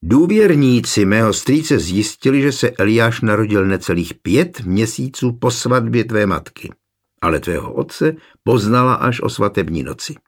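A man with a gravelly, husky voice voicing a proud, sharp-tongued pregnant young noblewoman in an audiobook. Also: on the low side, animated, full character voice. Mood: angry, scornful. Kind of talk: audiobook character reading.

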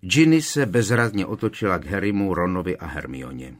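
Male audiobook narrator, low voice, measured. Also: lively intonation. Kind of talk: scripted narration.

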